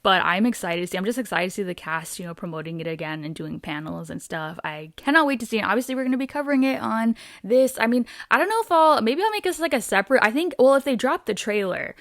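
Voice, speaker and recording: Speaking quickly and with few pauses, this young woman's slightly high, animated voice carries her weekly entertainment show. She gushes in a bubbly, casual fan-commentary style, full of "um" and "like," recorded cleanly in a studio without echo.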